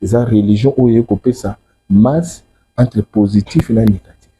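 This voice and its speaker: A little hiss or hum sits under this interview, where a Congolese-accented man from the DRC lays out his religious beliefs in French and Lingala, going back over key words. His voice is dark and on the low side, at a normal speed.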